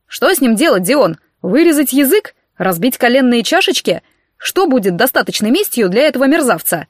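A gruff mock-menacing henchman, as a woman puts him on. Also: fairly high pitch, big pitch swings, normal speed, no room sound, studio quality.

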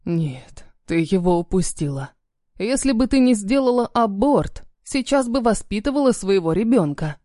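A woman's voice: mid-range voice, big pitch swings, normal speed, warm tone, no echo, studio quality, lightly acted. A woman voicing a stern, cold-tempered man who speaks in clipped, commanding lines.

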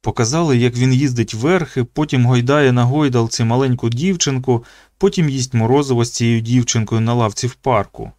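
Male audiobook narrator with a mid-pitched voice and a measured, even read, recorded close and dry. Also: no echo. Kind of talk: scripted narration.

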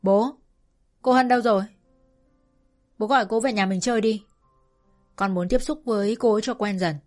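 A woman's voice: medium pitch, moderate pace, darkish tone, faint music behind, natural voice. A woman voicing a naive, anxious teenage girl in a spoken story, talking in a raised, fretful way. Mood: eager.

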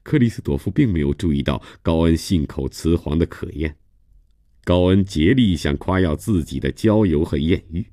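A male storyteller giving a steady, measured radio reading of a novel in a studio. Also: low voice, no echo. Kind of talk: scripted novel narration.

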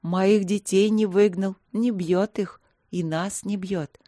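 Woman doing a soft, meek blind woman. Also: mid-range voice, fairly even intonation, no echo, studio quality, natural voice. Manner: soft, slow, meek speech. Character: blind timid young woman, gentle and grateful.

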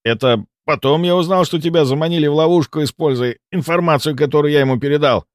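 A man's voice: on the high side, no room sound, clean studio sound, voice pushed up, natural voice. A man voicing a cowardly male healer who pleads and whines for his life. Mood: confessing. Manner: pleading, whining, fast-talking.

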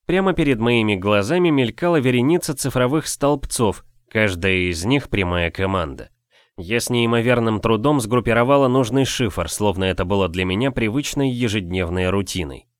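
A man narrating a first-person fantasy audiobook in a steady, measured reading. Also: on the low side, no echo.

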